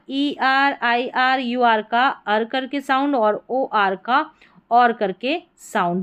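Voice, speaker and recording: A woman's voice: fairly high pitch, clear, resonant tone. Patient woman teaching pronunciation. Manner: patient, repeats points in several words. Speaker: English teacher. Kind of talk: explaining spelling and pronunciation rules.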